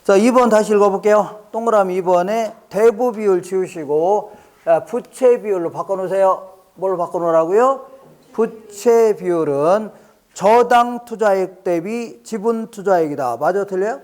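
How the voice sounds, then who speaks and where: High-voiced man lecturing a class. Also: normal speed, darkish tone. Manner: repeats key phrases and often checks that students follow; jokes lightly with students. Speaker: exam prep lecturer. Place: classroom with students.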